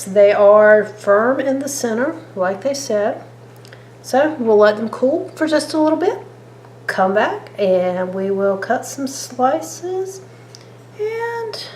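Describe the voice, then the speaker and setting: Slow, chatty woman in her kitchen. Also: high-pitched, darkish tone, reverberant, slight background noise. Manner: chatty, homey, talks to viewers. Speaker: cooking vlogger. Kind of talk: casual cooking vlog. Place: home kitchen.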